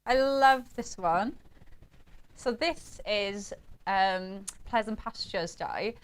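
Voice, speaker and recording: A woman presenting craft products live on a shopping channel, chatty and cooing over how cute the designs are. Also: mid-range voice.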